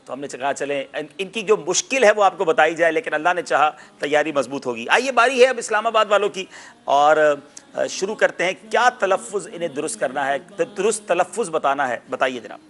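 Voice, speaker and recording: A man hosting a televised quiz with a high, bright, forceful voice. He is lively and teacherly, explaining how words should be pronounced, and he gets loud when he announces a correct answer. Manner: explains word pronunciations like a teacher. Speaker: quiz show host.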